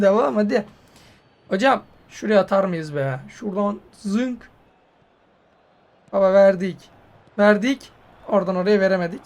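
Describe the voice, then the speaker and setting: A man with an unusually high voice and a gravelly, fry-laden edge commentates on his own football game match. He is hot-tempered, cheers his players, and curses at the game whenever it crosses him. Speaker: gaming YouTuber.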